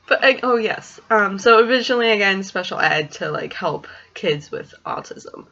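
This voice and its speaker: A woman's voice: mid-range voice, expressive, normal speed, pushed and bright, muffled recording. A woman in her twenties who says w for r, chatting hesitantly in a casual, rambling vlog at home. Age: 20s. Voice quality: speech impediment, says w for r. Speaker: student teacher in special education. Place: small home room, indoors. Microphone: webcam or computer mic at desk distance.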